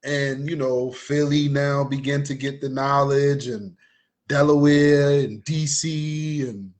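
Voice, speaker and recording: A man's voice: mid-range voice, steady tone, slow pace. A man hosting a casual conversation, affirming his guest and often adding "you know what I mean.". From Richmond, Virginia. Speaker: host.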